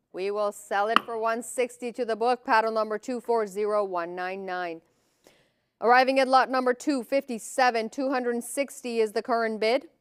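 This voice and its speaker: A woman's voice: fairly high pitch, smooth, no room sound, clean studio sound. A woman working as an auctioneer, calling lots and bids in a formal, clipped, repetitive manner.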